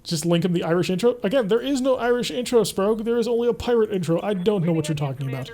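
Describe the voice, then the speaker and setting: This young streamer sits high in pitch, talks fast with lively intonation, and has a darkish tone. Playing a mech strategy game, he keeps the commentary casual and chats with his live audience, answering their messages mid-game.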